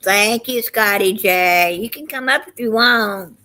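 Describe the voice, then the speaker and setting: Older southern lady livestreaming, just rambling along, folksy stories, mid pitched voice. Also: measured pace, bright, forceful tone. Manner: folksy, meandering storytelling. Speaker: livestream host. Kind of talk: casual rambling chat to livestream viewers.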